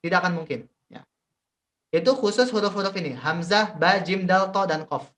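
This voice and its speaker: A man's voice: high voice, fairly bright tone. Indonesian man, recitation teacher on a video call, patient and repetitive, lots of fillers. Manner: explains slowly with many fillers and repetitions. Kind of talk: online tajwid class.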